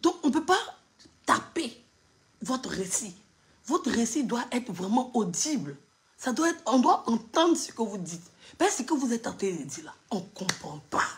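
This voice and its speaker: A woman voicing an official who sternly questions someone and keeps repeating orders to calm down. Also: a little high, moderate pace. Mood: stern, insistent. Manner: firm, repeating commands.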